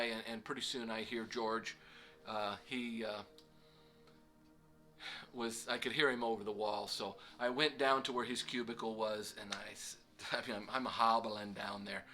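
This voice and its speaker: A man's voice: mid-range voice, pushed and bright. A middle-aged man casually telling a self-deprecating story with lots of fillers. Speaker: vlog host.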